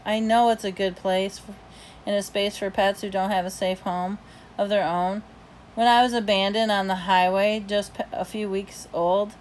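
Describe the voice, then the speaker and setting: A woman's voice: medium pitch, a little hiss or hum. Woman reading a dog's tale aloud. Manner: chatty, expressive first-person narration as a dog. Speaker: reader. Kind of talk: reading a children's novel aloud.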